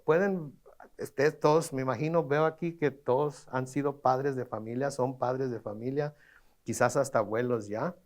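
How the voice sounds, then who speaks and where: Middle-aged pastor preaching, kinda high voice, stumbles and repeats words a lot. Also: male voice. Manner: repeats words when emphatic, rhetorical questions. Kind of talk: sermon.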